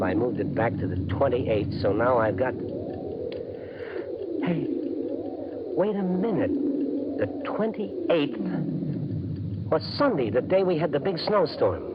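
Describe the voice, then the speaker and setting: In a 1950s radio suspense drama, an actor plays a desperate, gambling-addicted bank worker, an excitable, brooding everyman, delivering first-person narration and dialogue intensely and emphatically while muttering to himself. His voice is mid-range, and the dull period recording is very noisy with loud music.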